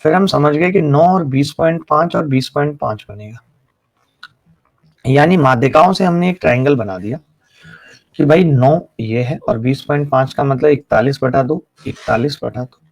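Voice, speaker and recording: A man's voice: medium pitch, normal speed, creaky, dry recording. A man teaching a live online math class, explaining each step and teasing his students with jokes.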